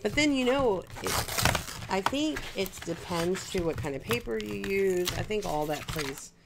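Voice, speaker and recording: Woman, crafting livestream, casual rambling chat, slow-paced, vocal fry. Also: medium pitch, lively intonation, heavy background noise. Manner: rambling, chatty, many fillers, talks to viewers.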